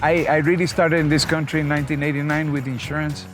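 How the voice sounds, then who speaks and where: A man from Costa Rica speaks as an interview guest, friendly and talkative, often restarting his sentences. His voice sits a little high, and music plays clearly behind him. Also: level tone, fast. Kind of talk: conversational interview. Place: outdoors in a vehicle.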